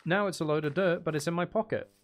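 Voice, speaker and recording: Against a backdrop of steady rain, a man with a somewhat high voice talks fast while streaming a game. His live commentary is casual and rambling, full of playful, self-deprecating thinking aloud.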